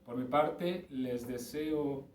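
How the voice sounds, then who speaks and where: A man's voice: medium pitch, extremely slow, darkish tone, far from the mic. A man with a Mexican Spanish accent teaching an English lesson, explaining step by step and checking in with his students. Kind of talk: recorded class lesson. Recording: roomy, from off-mic with faint ambience.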